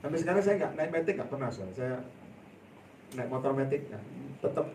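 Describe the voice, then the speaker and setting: Animated male preacher in an echoey hall. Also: mid-range voice, a little fast, far from the mic, slight background noise. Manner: animated storytelling with laughs and sudden loud outbursts. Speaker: evangelist preacher. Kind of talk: sermon. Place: church hall.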